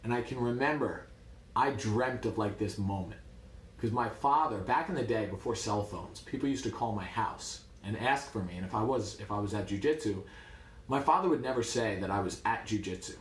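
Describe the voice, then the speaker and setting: A man from New York, a martial arts coach, telling a story in a lively, wry way. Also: fairly low pitch, normal speed, echoey room, a little hiss or hum. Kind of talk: casual storytelling.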